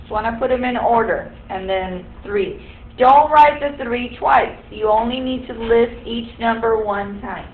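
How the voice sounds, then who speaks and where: A woman's voice: a little high, unhurried, a little hiss or hum. A woman teaching a class, explaining step by step and quizzing the students. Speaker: high school algebra teacher. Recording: echoey room, tinny phone-like sound.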